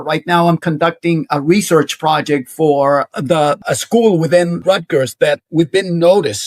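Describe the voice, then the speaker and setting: A man, a guest in an interview, telling stories earnestly with many hesitations and fillers. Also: a little high. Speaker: guest, university center director. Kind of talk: conversational interview storytelling.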